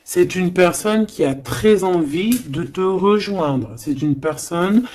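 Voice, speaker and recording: A woman's voice: on the low side, takes it slowly, a little mellow. A woman giving a tarot card reading, chatty and emphatic, with frequent hesitations and asides. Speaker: tarot reader.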